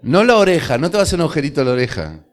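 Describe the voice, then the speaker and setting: A man with a Rioplatense Spanish accent, preaching a sermon as pastor, with emphatic delivery, dramatic pauses and quoted prayers. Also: fairly high pitch, sing-song.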